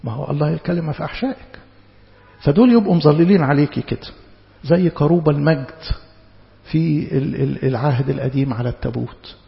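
A man's voice: fairly high pitch, fast talker, pauses often. A man preaching a sermon with an Egyptian accent, in a conversational style full of rhetorical questions. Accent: Egyptian Arabic. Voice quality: gravelly. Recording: long hall reverb, dull sound.

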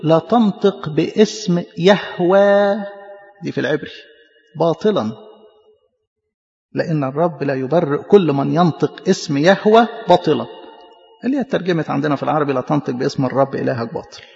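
A man with an Egyptian Arabic accent preaches at a quick clip, his voice high and gravelly. He explains with emphasis and stumbles on repeated syllables. The recording is muffled and carries a long hall echo. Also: animated, a little mellow. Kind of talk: sermon teaching.

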